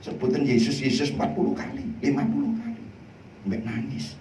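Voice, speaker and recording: A male pastor preaching a lively sermon, his voice leaping high for emphasis. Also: a little fast. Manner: animated preaching, swoops high in pitch, mixes in Javanese phrases. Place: church hall. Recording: echoey church hall, mic at a distance, faint noise.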